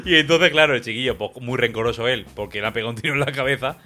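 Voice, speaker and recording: A man's voice: mid-range voice, racing. Laughing man retelling a film. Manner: animated storyteller, laughs often, acts out lines. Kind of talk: casual podcast chat retelling a film.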